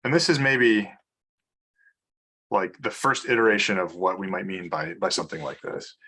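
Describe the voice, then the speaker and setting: Bright-voiced, hesitant male math lecturer. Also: low voice, normal speed, breathy edge. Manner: hesitant, many fillers and restarts. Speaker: mathematics lecturer. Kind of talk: informal research seminar talk.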